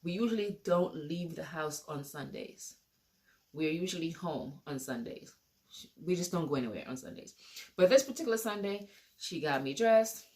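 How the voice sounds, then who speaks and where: Woman with a lowish voice telling her own story, rambly, keeps repeating herself. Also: expressive, normal speed, darkish tone. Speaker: vlogger telling a personal story. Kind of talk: casual personal storytelling.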